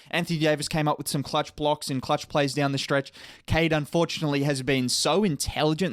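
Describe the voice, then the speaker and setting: A man's voice: fairly high pitch, no room sound, studio quality. A young man giving rambling, opinionated basketball commentary in a casual talk.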